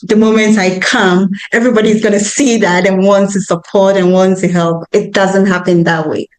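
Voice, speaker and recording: A woman's voice: medium pitch, steady tone, normal speed, darkish tone, poor audio. A woman with a West African, Ghanaian accent, answering interview questions earnestly and emphatically, often checking in with "right?". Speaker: school founder, interview guest.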